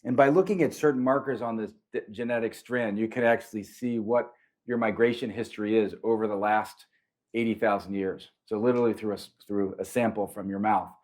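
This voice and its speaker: Low-voiced man telling parish stories. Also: a little fast. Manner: anecdotal, animated when quoting others. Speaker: priest and panelist. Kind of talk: storytelling talk.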